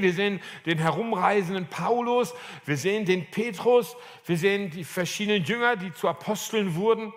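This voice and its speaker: A man preaching a sermon, telling a personal story and acting out quoted dialogue, becoming emphatic at times. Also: high voice. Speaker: pastor. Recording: long hall reverb.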